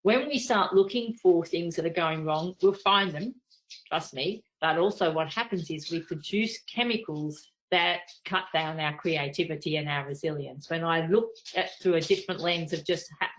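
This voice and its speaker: Older Australian woman giving measured management advice. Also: sits low, low-quality recording. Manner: practical, measured, advisory. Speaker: leadership trainer. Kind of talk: training presentation.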